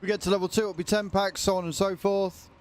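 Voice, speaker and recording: A man's voice: high-pitched, level tone, quick pace. A man livestreaming a video game, chatting casually and informally with his viewers. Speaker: livestreamer, gamer.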